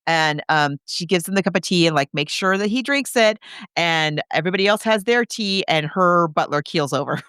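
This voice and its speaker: On a clean studio recording with no echo, a podcast co-host chats casually through a film recap, storytelling and performing how the characters react. She has a fairly low, expressive voice with a fairly bright, clean tone, and moves at a moderate pace.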